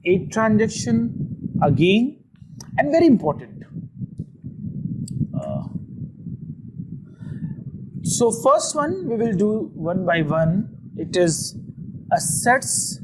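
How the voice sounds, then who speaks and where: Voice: mid-range voice, lively intonation, takes it slowly, pauses often, background noise. A teacher with a North Indian accent explaining a lesson step by step, posing questions and answering them, often repeating phrases. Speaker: accounting teacher.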